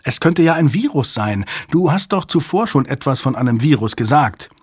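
A man's voice: medium pitch, lively intonation, moderate pace, breathy edge, no room sound, clean studio sound, voice pushed up. A man voicing an insistent female official who presses urgently for answers about a problem. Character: insistent female night-shift official, worried.

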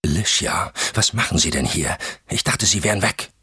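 A man's voice: low-pitched, moderate pace, pushed and bright, husky, no echo, clean studio sound, full character voice. A man voicing a hunted man in an audiobook, talking in urgent, clipped instructions. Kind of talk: audiobook character voice.

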